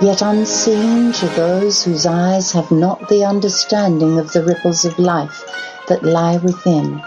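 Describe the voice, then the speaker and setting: A woman reading a scripted guided meditation in a gentle, soothing, poetic manner. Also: lowish voice. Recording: muffled band-limited sound under clear music. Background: music.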